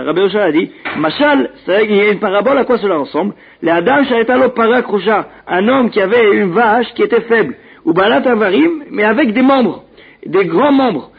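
A man teaching a religious text, reading each Hebrew phrase and then translating it into French in a measured way, with small restarts. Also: high-pitched, breathy edge, lo-fi sound. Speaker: Talmud teacher.

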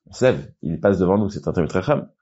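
A man's voice: low voice, expressive, fast, warm tone, husky. A man teaching a Talmud class who reads short phrases aloud and then explains them, with frequent restarts. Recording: dull lo-fi recording.

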